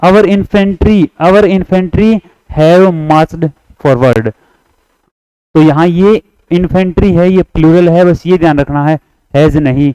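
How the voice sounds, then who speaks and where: This exam-prep English grammar teacher has a Haryanvi Hindi accent and a fairly high, dark, smooth voice. He goes over points again and again, urges students to answer with him, and reads example sentences slowly. The audio is poor, though free of echo.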